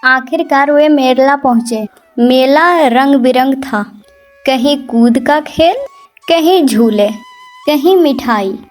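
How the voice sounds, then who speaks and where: A woman narrating a cartoon story in a gentle, measured storybook manner. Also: high-pitched, faint music behind.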